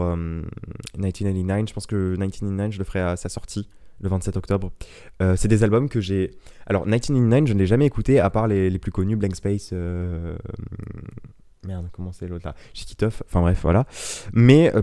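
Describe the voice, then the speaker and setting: This young man's voice is on the low side with a dark tone as he rambles casually through his solo podcast, wandering off topic and poking fun at himself. He speaks into a ten-year-old mic, and the sound is clean and studio-like with no room sound.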